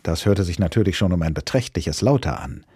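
A man narrating a children's storybook in an expressive, dramatic way. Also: deep voice, a little fast, breathy edge, no room sound, studio quality. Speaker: audiobook narrator.

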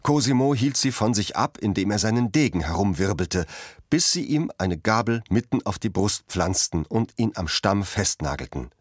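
Expressive low-voiced male reader. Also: moderate pace, breathy edge, dry recording, clean studio sound. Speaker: narrator reading a novel excerpt. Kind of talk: literary reading.

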